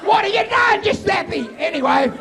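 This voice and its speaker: A man ranting and yelling through a stand-up bit. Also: very high-pitched, lively intonation, moderate pace, vocal fry, background noise. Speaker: stand-up comedian. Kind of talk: stand-up set. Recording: loud crowd in a comedy venue.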